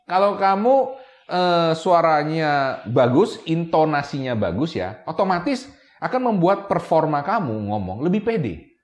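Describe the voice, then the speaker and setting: A man's voice: fairly high pitch, very animated, a little slow. A man giving casual tips to camera as a YouTube presenter, chatty, often checking in with "ya kan?" and mixing in English words. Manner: mixes English words into his talk. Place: room with a camera operator. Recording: echoey room.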